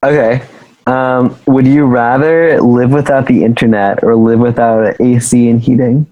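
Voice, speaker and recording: A man's voice: mid-range voice, steady tone, a little slow, lo-fi sound, a little hiss or hum. A man hosting a casual podcast chat, asking questions and laughing easily, explaining things at length. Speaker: podcast host.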